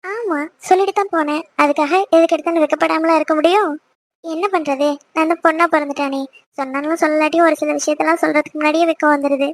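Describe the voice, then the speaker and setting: Brief: a woman voicing an emotional, shy young cartoon wife, very high voice, dry close recording. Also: fairly even intonation, fast talker, dry recording. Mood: coy. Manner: tearful, then coy and teasing. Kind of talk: cartoon voice acting.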